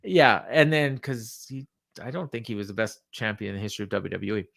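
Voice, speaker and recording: A man casually recapping from memory as a podcast co-host, halting and backtracking as he paraphrases what was said. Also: lowish voice, lively intonation, creaky, fairly bright tone.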